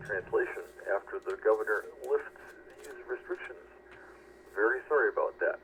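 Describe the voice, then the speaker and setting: A man's voice: lowish voice, moderate pace, a bit bright, poor audio. A man giving announcements on an amateur radio net over a two-way radio, in formal, orderly phrasing. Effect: two-way radio transmission. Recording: radio transmission with faint noise.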